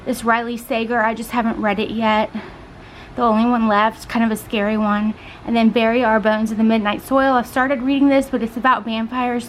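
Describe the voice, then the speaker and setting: A woman's voice: a little high, a little hiss or hum, rough recording. A woman chatting casually through a tour of her home, upbeat and full of ums. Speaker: home decor vlogger. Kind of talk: casual house tour narration. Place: inside a home.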